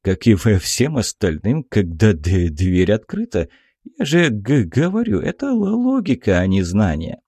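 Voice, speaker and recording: A man voicing a shy, quiet older monk who stammers on his words. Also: lowish voice, huge pitch swings, unhurried, husky, no room sound, studio quality, exaggerated voice. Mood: reasoning.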